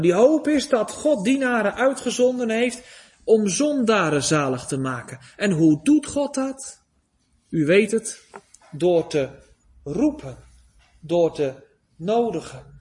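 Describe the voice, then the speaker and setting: A man preaching a sermon, solemn and pleading, with long pauses and rising emphasis. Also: high voice, a little mellow.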